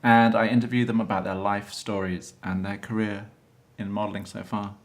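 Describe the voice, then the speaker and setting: A man's voice: fairly low pitch, level tone, moderate pace. A man hosting an interview show, asking chatty and inquisitive questions with frequent interjections. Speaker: host, fashion photographer. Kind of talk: conversational interview.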